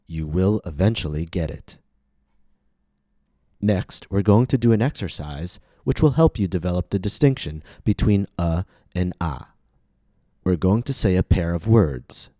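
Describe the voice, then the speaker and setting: A man with a standard American accent giving scripted pronunciation instruction, enunciating carefully and deliberately as a podcast teacher. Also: low-pitched, dark tone, dry recording, clean studio sound.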